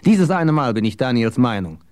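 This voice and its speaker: A man's voice: big pitch swings, moderate pace, darkish tone, clear, resonant tone, natural voice. A man reading an audiobook, voicing a fervent, persuasive male conspirator who pleads with rising passion. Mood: impassioned. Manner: impassioned, pleading, rising pitch.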